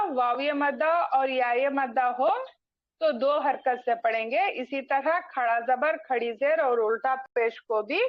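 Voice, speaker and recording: Female recitation teacher; unhurried lesson delivery, drills each sound twice, slightly muffled recording. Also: sits high. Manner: drills syllables slowly, repeating each twice. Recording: dull lo-fi sound.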